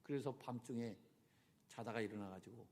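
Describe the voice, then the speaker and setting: Husky-voiced pastor giving a storytelling sermon, swings loud and soft, big reverberant sanctuary. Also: male voice, mid-range voice, moderate pace. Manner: dramatic swings from hushed murmurs to shouting. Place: church sanctuary.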